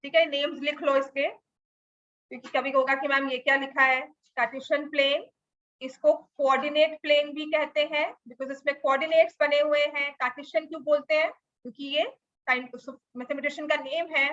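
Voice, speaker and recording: A woman's voice: sits high, level tone, moderate pace, a bit bright. A woman maths teacher giving a class lesson, mixing Hindi and English and often checking that students follow. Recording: dull lo-fi recording.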